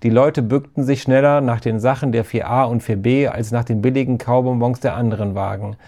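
Mellow male storybook narrator. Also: mid-range voice, fairly even intonation, a little fast.

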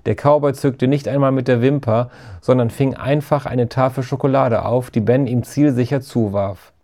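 A man reading a children's story aloud, steady and lively. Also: medium pitch, normal speed. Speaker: narrator. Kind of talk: storybook narration.

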